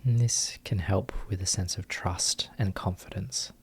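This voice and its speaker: With a low-pitched, whispered voice and steady tone, a man guides a meditation as its teacher. He speaks gently and softly, in short phrases broken by long pauses.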